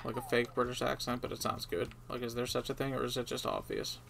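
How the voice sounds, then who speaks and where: A man's voice: medium pitch, fast, gravelly, fairly bright tone, slight background noise. A man streaming a video game, grumbling sarcastically and talking to himself and the characters as he plays. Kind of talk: casual gameplay commentary.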